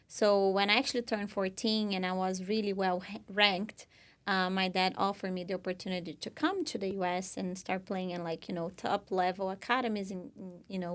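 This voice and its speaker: A young Brazilian woman with a Brazilian Portuguese accent speaks with a medium-pitched, slightly bright voice. Co-hosting a podcast, she tells her own story earnestly and casually, sprinkling in lots of "you know" and "like."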